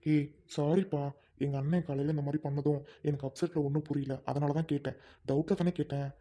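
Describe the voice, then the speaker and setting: A man's voice: a little high, fairly even intonation, brisk, mellow, close to an everyday voice. A man playing an earnest young husband who questions then apologizes to his wife, in a family web drama. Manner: earnest, apologetic, mixing in English words.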